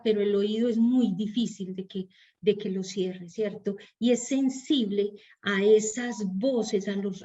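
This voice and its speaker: A woman with a Colombian Spanish accent lectures in a thoughtful, halting way, circling back as she builds each idea. Her voice is mellow and a little dull in tone, as over a lo-fi connection. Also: medium pitch. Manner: thoughtful, hesitant, restarts phrases while reasoning aloud. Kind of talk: online psychoanalysis class lecture.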